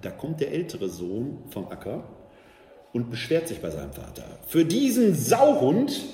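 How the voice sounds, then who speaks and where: A man's voice: lowish voice, big pitch swings, moderate pace, dark tone, a little hiss or hum. A man giving an emphatic lecture as a church educator, asking his audience questions, in an echoey hall. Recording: echoey hall, faint ambience.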